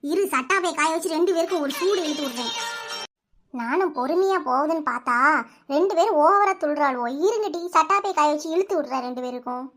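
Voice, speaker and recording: A woman's voice: high-pitched, animated, soft background music, pitched below the performer's own voice. A woman with a Kanyakumari Tamil accent voicing a village mother who scolds her two grown daughters in a cartoon. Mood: grumbling threats. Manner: sharp, fast scolding. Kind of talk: cartoon voice acting.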